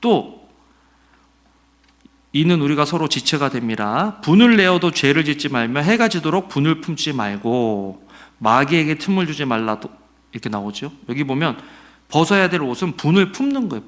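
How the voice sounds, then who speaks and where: Speaking at a moderate pace in a fairly high voice, a middle-aged pastor delivers a conversational, animated Sunday sermon. He engages the congregation with questions and brings quotes to life by acting them out.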